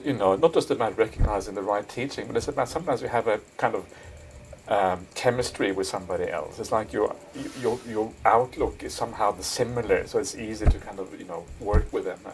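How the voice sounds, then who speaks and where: Middle-aged monk, lowish voice, thoughtful, lots of uh and yeah, faint hiss behind. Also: male voice, low-quality recording. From Norway. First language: Norwegian. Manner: thoughtful, frequent "uh" and "yeah", soft laughs. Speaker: Buddhist monk. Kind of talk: reflective interview answers. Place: monastery.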